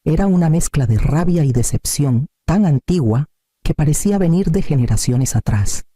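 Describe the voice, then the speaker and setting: A man reads a dramatic first-person story in a steady, scripted way. His voice is very dark and mellow, with a lively, rising and falling pitch. It sits a little high for a man and sounds dry and close. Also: moderate pace, dry recording. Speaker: narrator.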